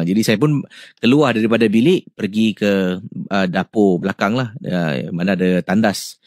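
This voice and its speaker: A man hosting a radio show, reading out listener ghost stories in an animated, suspenseful way. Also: dry recording, clean studio sound. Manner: animated, with sudden rises in pitch and loudness for suspense.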